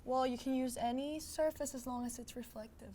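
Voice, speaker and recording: A woman's voice: high voice, steady tone, brisk, mellow, a little hiss or hum, natural voice. A young woman playing a mystical madame fortune teller, explaining her craft as a guest on a comedy talk show. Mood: mystical, instructive. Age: young adult. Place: TV studio set.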